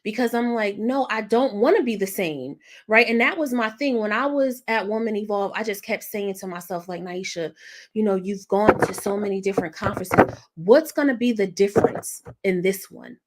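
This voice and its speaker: A woman's voice: mid-range voice, moderate pace, heavy background noise. A woman hosting a podcast, talking in a casual, heartfelt monologue. She is emotional and close to tears, rambles, restarts her sentences and often checks in with "right?". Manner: rambling, repeats words, says "right?" often. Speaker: podcast host.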